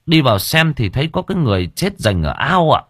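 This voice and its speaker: A man's voice: medium pitch, big pitch swings, a little fast, fairly bright tone, no room sound, clean studio sound, pitched above the performer's own voice. A man doing a humble, hesitant villager. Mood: deferential. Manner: polite, hesitant with fillers. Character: humble male villager reporting to officials.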